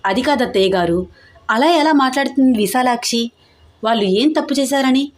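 A woman's voice: sits high, moderate pace, voice pushed up, natural voice. Woman playing an indignant protective mother. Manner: upset, questioning.

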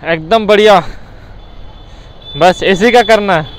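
A young man, chatting excitably as he vlogs his motorbike ride and a roadside bike workshop, dropping English words in. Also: high voice, takes it slowly, poor audio. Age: young adult. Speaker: motovlogger. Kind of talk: casual vlog commentary while riding. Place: city streets and roadside bike workshop, outdoors. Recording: faint street and traffic noise.

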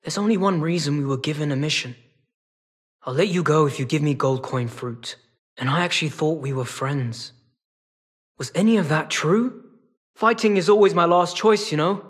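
A man playing a sly, wry, world-weary cat stalker in a video game, bargaining in a casual, streetwise way with a husky voice. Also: a little high, normal speed. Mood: weary, pleading. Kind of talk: video game character acting.

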